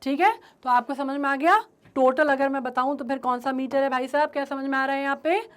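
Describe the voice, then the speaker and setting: A woman teacher with an Indian accent explaining a poem in a lesson, mixing Hindi and English, checking often that students follow, and reading lines slowly. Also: high-pitched, fairly even intonation, a bit bright.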